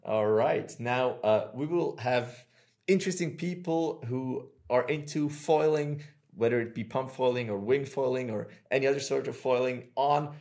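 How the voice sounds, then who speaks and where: A Swiss podcast host in his thirties speaks at medium pitch and a moderate pace from a small room at home. He tells stories in a chatty, animated way, gesturing with his hands, and his audio comes through earbuds on a video call.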